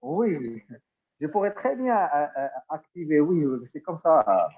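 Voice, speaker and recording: A male student asking a hesitant question in an online class, pausing often with "euh". He is heard through Bluetooth audio. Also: fairly high pitch, big pitch swings. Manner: hesitant, many pauses with "euh". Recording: tinny phone-like Bluetooth audio.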